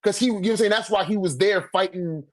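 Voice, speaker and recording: A man with a high voice talks fast in a casual debate about how manga characters rank. He's informal, packing in heavy slang and swearing. There's no room sound at all.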